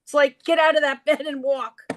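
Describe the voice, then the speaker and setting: High-voiced chatty woman, New York accent. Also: level tone, moderate pace. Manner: chatty and sympathetic, talks at length. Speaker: host. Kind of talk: casual chat.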